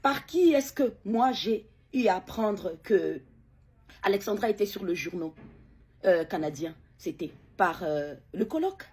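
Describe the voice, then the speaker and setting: A middle-aged mother mourning her child tells her story with feeling, in a medium-pitched, lively, slightly mellow yet slightly rough voice. She hesitates a lot, stopping often and repeating herself.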